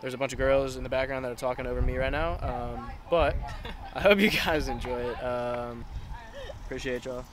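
Casting: young male fitness vlogger, slangy and relaxed, mid-range voice, phone-camera talk. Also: mid-range voice, normal speed, crowd noise. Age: 20s. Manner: laid-back and slangy, upbeat. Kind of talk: casual vlog talk to camera. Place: car, restaurant and home kitchen.

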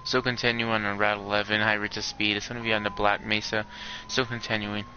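A man's voice: fairly low pitch, flat delivery, a little fast, bright, forceful tone. A man playing a police officer in a game roleplay, calling in over the police radio in clipped codes and repeating his call sign. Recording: dull lo-fi mic with faint noise.

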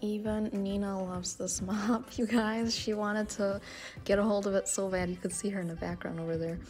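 A woman's voice: mid-range voice, steady tone, normal speed, a little mellow, faint music behind. A woman vlogger chatting casually to her viewers in a voice-over about cleaning her home, often calling them "you guys".

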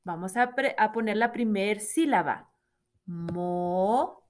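A woman teaching a children's phonics lesson, stretching out syllables slowly for young learners to repeat. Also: medium pitch.

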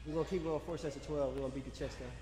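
A young fitness vlogger, recorded by a camera on a stand across a large, echoey indoor gym, narrates his chest workout between sets in a laid-back, slangy way. His fairly high voice races along with fairly even intonation, and music plays underneath.

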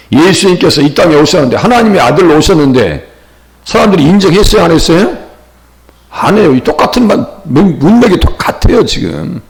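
A man's voice: fairly high pitch, gravelly. A middle-aged male pastor with a Chungcheong accent, preaching conversationally and asking his listeners questions. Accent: Chungcheong Korean. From Chungcheong, Korea. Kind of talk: sermon.

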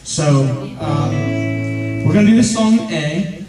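A man's voice: fairly high pitch, slow pace. A middle-aged man hosting a live gig, joking and rambling between songs into a stand mic. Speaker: gig host and guitarist. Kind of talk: casual stage banter between songs. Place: stage in a large, echoing room at a gospel venue. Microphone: stand mic, heard through the PA from a distant camera. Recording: echoey, distant live room recording. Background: guitar playing and audience chatter.

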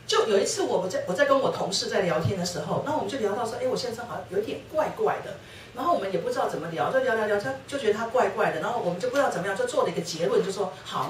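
A woman's voice: mid-range voice, animated, very fast. Woman, telling her story in an echoey hall. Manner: storytelling, acting out quoted dialogue. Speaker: guest speaker sharing her testimony with her husband. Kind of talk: personal testimony talk at a church lecture. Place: church lecture hall. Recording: roomy hall, distant mic, faint noise.

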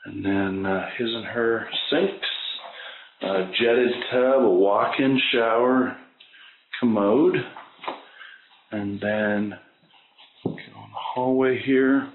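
A man's voice: lowish voice, fairly even intonation, slow, pauses often. A man giving a walkthrough tour of a house and its grounds as a real estate agent, talking unhurriedly and plainly with many fillers. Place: walking through a house and its grounds. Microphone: handheld camera mic. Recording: thin phone-like sound with faint noise.

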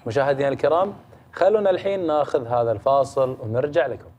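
A man's voice: medium pitch, lo-fi sound. A man hosting a recitation competition show, thanking guests and addressing viewers. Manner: brisk, courteous, addresses viewers directly. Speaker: show host.

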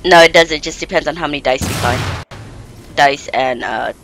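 A man's voice: fairly high pitch, normal speed, gravelly, crowd noise. A man streaming a co-op game, chatting casually and explaining settings to a friend. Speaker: gamer streaming co-op play. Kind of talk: casual gaming chat.

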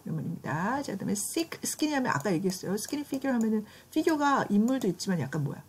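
A Korean woman teaching English vocabulary in a classroom, brisk and checking in with her students often. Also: medium pitch, sing-song, husky.

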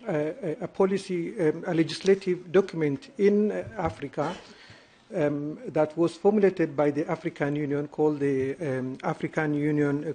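A man's voice: a little high, warm tone, slightly rough. Polite man asking from the floor. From Somalia. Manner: polite, hesitant, many ums. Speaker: audience questioner. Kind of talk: formal question from the floor. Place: large conference hall. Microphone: table microphone.

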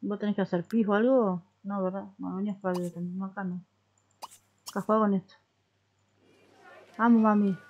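A woman's voice: mid-range voice, steady tone, moderate pace, pauses often, darkish tone, muffled recording. A woman with a Rioplatense Spanish accent giving casual let's-play commentary, chatty and coaxing as she talks to her characters like babies. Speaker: gaming YouTuber.

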